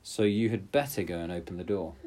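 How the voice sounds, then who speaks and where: A man doing a quiet, stern old king. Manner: low, quiet and measured. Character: stern fatherly king, calm and firm. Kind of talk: storybook reading.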